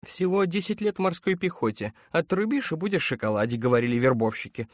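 A man voicing a bitter, complaining male space marine who whines loudly. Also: fairly high pitch, lively intonation, quick pace, no room sound, studio quality, voice pushed up, lightly acted. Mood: whining. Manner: whining, loud, resentful.

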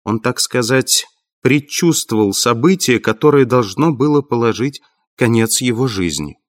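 A man voicing an earnest male country doctor with a sharp, slightly creaky voice. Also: mid-range voice, expressive, normal speed, lightly acted.

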